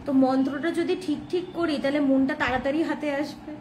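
A woman with a Bengali accent delivers a devotional talk in a high voice. She explains patiently and earnestly, putting questions to her listeners and answering them herself. A faint background noise runs under the recording. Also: steady tone, fast, a little mellow, poor audio. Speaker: devotional speaker.

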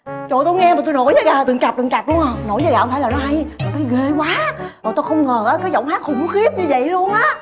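A woman's voice: high-pitched, big pitch swings, fast. A woman playing a bossy, scornful boss at a music station in a stage comedy sketch, talking bluntly and mockingly.

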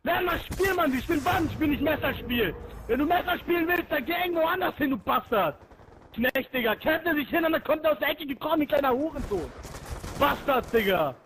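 A man raging and yelling during an online shooter match, swearing and taunting his opponents nonstop. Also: very high voice, animated, brisk, noisy background. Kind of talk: screaming gaming rant.

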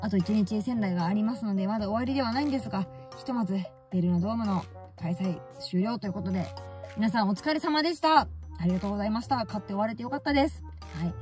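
A woman's voice: mid-range voice, racing, a little mellow, soft background music. A woman vlogger telling stories casually and animatedly, often exclaiming and laughing at herself. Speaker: baseball fan vlogger. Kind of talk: casual storytelling vlog.

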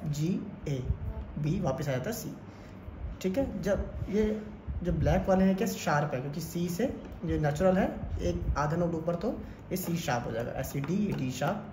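A man teaching harmonium scales step by step, patiently, checking in often with his students. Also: a little high. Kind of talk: music lesson explaining scales. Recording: roomy with loud harmonium playing.

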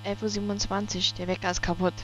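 A woman in her thirties comments casually on a horror game as she plays it. She talks in a blunt, colloquial, slangy way, at a medium pitch. The headset recording sounds slightly dull and lo-fi. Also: flat delivery, quick pace, a little hiss or hum. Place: small room at home, indoors. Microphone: headset microphone.

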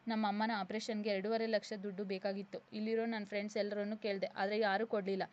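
An upset young woman who works in an office pleads and defends herself in a storybook reading, as a woman narrator puts her on. Her voice sits at a middling pitch. The recording sounds slightly dull and lo-fi. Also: little pitch movement, fast talker, natural voice. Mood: explaining. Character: young woman office worker, distressed, scammed.

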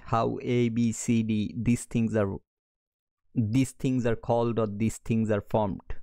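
With a gravelly, dark mid-range voice, this Bangladeshi man teaches trading over a screen share in his native accent. His approach is direct, punctuated by frequent "okay" check-ins, and there's no echo on the audio.

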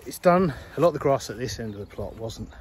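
A man's voice: medium pitch, expressive, fast, a little hiss or hum. Rambling man outdoors. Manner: rambling, self-correcting. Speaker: allotment vlogger. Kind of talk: casual outdoor vlog. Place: outdoors on an allotment.

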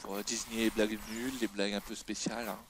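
A man's voice: lowish voice, level tone, quick pace, slight background noise, rough recording. A man chatting casually and jokingly with a friend as he plays and comments on a game. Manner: joking, bantering. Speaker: gaming video player and commentator. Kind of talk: casual gameplay chat with a friend.

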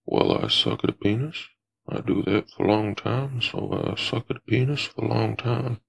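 Man doing a gravelly old cartoon grandpa voice. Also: fairly low pitch, moderate pace, full character voice. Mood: matter-of-fact. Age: older. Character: frail, crude, grumbling old cartoon grandpa. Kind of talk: amateur cartoon voice acting.

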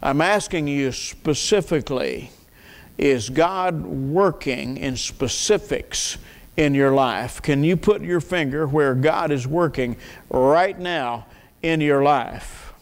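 Older male pastor, slightly high voice, earnest pulpit sermon, church hall reverb. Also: slow pace. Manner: earnest, asks the congregation questions, repeats words. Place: church sanctuary, at a wooden pulpit. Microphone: pulpit mic.

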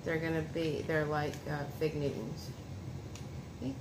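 With a low-sitting voice, level tone, and slightly slow pace, a food reviewer vlogger in her thirties casually tastes food for her vlog. At home in the dining room she speaks, homey, to viewers and her son at the table while unwrapping food. The recording has an echoey room and clear background noise.

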